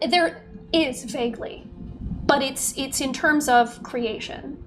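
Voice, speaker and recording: A woman narrating a tabletop game as game master, describing scenes in halting, piece-by-piece phrases. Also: sits high, background noise. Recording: background music.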